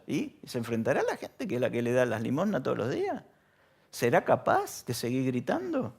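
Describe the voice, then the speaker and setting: A man with a Rioplatense Spanish accent preaching a sermon in a church, talking casually, asking the congregation questions and acting out shouted lines. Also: fairly high pitch, vocal fry, husky. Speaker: pastor.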